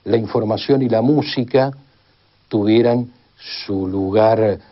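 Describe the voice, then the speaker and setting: Taking his time in a lowish voice, an Argentine-accented man offers an expert's formal, measured account of radio history, piling up long enumerations in extended sentences. Slight background noise accompanies the slightly dull, band-limited recording.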